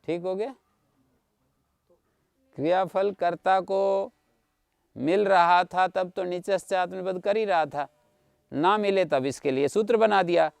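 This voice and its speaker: A man's voice: high-pitched, gravelly, a little mellow, clear, resonant tone, dry recording, clean studio sound. A man teaching Sanskrit grammar in an online class, explaining rules patiently, repeating key points and checking that his listeners follow. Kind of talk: explanatory lecture.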